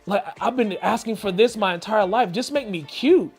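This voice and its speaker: A man's voice: high voice, moderate pace, faint music behind. A man voicing an insecure teenage girl in a spoken story, pleading and emotional. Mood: eager. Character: insecure teen girl wishing to be pretty.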